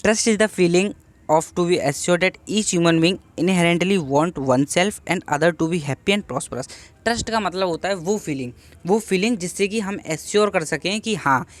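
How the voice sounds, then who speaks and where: Young man, fairly high voice, casual revision lecture, asks and answers his own questions. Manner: explains each point with rhetorical questions; reads English lines slowly, then explains them. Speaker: exam-prep tutor.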